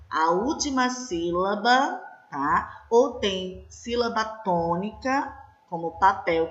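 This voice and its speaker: A woman teacher giving an online slide lesson, slow and patient, often checking in with her class. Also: medium pitch, fairly bright tone, highs cut off. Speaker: Spanish teacher.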